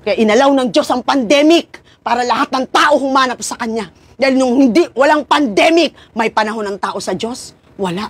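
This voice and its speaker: A woman preaching a sermon with a high voice. She talks with passion, rising to loud cries, then dropping to low, hushed lines. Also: fairly quick, breathy edge. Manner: impassioned, swings between loud cries and low hushed tones.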